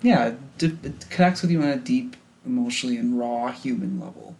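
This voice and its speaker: A man's voice: mid-range voice, fairly quick, a little mellow. Young man in a jokey movie chat. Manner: mock-serious, jokey overpraise. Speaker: podcast co-host. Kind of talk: casual movie-review chat.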